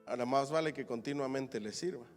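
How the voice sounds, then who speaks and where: A man preaching a sermon as a pastor teaching a Bible class, reading scripture, swelling to loud emphatic declarations and calling the congregation to repeat phrases after him. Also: a little fast, soft background music. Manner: builds to loud emphatic declarations, then drops low. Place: church. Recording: long church hall reverb.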